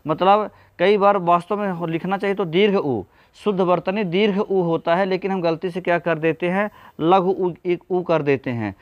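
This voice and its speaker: A man's voice: high voice, normal speed, dry recording, dull audio. A man teaching an exam-prep spelling lesson, patiently going through correct and incorrect word forms and addressing viewers as friends.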